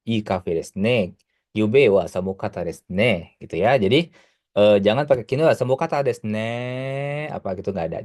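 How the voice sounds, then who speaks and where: A man teaching Japanese in an online class, explaining patiently in a relaxed, casual way. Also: on the low side.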